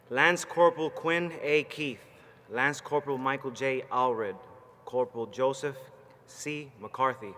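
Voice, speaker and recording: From a stage in a large ceremony hall, a Puerto Rican Marine veteran graduate in his thirties gives a motivational commencement speech into a podium mic. His medium-pitched voice is forceful, fired-up, rousing, plainspoken and personal. Long hall reverb and faint background noise fill the recording.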